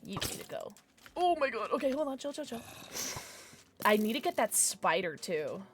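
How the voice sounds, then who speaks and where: Casting: young female game streamer, cute and bubbly, highish voice, lively and exclamatory, chatting casually with viewers. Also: normal speed, background noise. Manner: animated, exclamatory, swinging from murmurs to squeals. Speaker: livestreamer, gaming host. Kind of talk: casual livestream chat over gameplay.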